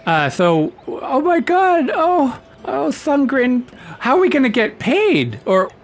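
A woman's voice: high voice, sing-song, slow, slight background noise, heavily acted. A woman voicing a wounded young woman adventurer in a tabletop game, naive and bewildered, talking in a childlike way. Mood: flustered. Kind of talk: tabletop role-play in character.

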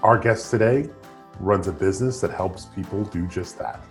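With faint music behind him, a man with a low voice speaks at normal speed while hosting a podcast. He reads a prepared opening, then asks upbeat, filler-heavy questions in a casual interview.

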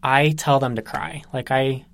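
A man co-hosts a podcast in casual chat. His voice sits at a middle pitch, neither low nor high. He talks earnestly and stresses his advice firmly. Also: fairly even intonation, a little slow, vocal fry, a bit bright, dry recording. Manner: earnest, emphatic advice-giving. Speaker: podcast co-host.

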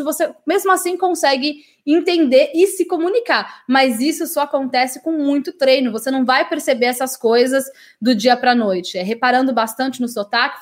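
Chatty Brazilian woman teaching English. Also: a little high. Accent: Brazilian Portuguese. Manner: chatty, often adds tag questions, demonstrates English words aloud. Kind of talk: casual spoken lesson to viewers.

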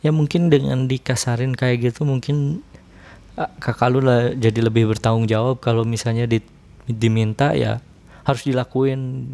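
A man's voice: mid-range voice, dark tone. Young man, casual monologue; rambling, second-guesses himself, laughs often. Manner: rambling, self-questioning, many restarts and laughs.

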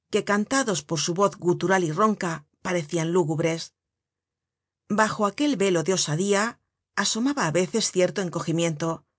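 A woman narrating an audiobook in a measured, deliberate reading voice. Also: on the low side, no room sound, studio quality. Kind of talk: scripted narration.

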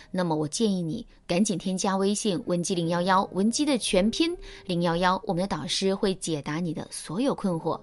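A woman hosting a relationship advice program, delivering scripted, persuasive narration. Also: medium pitch. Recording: soft music behind.

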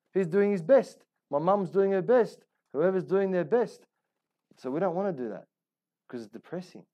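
An Islamic teacher with a fairly high-pitched, dark-toned voice gives a religious class in a conversational sermon style. He talks colloquially, using rhetorical questions, repetition, and Arabic religious phrases, and role-plays inner voices.

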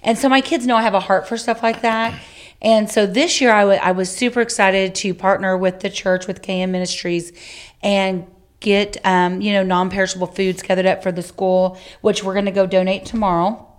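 A woman's voice: mid-range voice, fairly even intonation, normal speed. A middle-aged woman co-hosting a podcast, chatting casually and heartfelt, rambling with many fillers. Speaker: podcast co-host. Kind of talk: casual chat.

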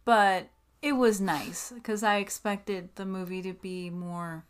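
A woman co-hosting a podcast in a casual, conversational style, with an average-pitched voice. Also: steady tone, slow, clean tone. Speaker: podcast co-host. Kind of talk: casual chat.

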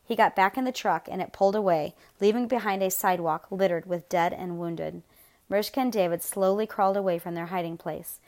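A woman narrating a novel aloud in a steady, measured, grave storytelling voice. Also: on the low side. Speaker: audiobook narrator.

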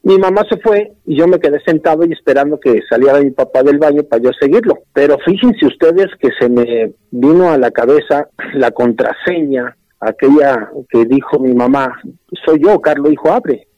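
A man, an interview guest who tells a family anecdote in an animated way. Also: on the high side, normal speed, few pauses, no room sound. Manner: animated storyteller who acts out voices. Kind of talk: reminiscing storytelling. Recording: dull, dry broadcast audio.

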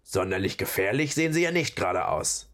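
A man voicing a blunt, gruff male warrior with an axe who grumbles and growls his lines. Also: mid-range voice, big pitch swings, brisk, voice pushed up. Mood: grumbling.

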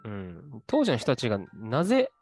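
A man's voice: mid-range voice, normal speed, gravelly. Guy chatting casually on his channel, lots of ums, faint music behind. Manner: relaxed, chatty, with many fillers and asides. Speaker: host. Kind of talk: casual video commentary.

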